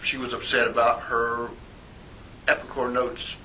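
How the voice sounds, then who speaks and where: On an old interview tape with faint hiss and rough quality, an internal affairs sergeant questions a witness in an interview room. His mid-range voice is flat and sharp, and he takes formal sworn statements in a measured, procedural way, reading them out.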